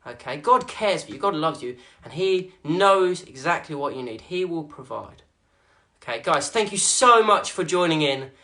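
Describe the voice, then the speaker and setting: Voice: medium pitch, animated, normal speed, bright, forceful tone. A fitness instructor, out of breath after a workout, reading Bible verses and encouraging viewers in an earnest way. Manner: earnest, encouraging, peppers talk with "okay" and "guys".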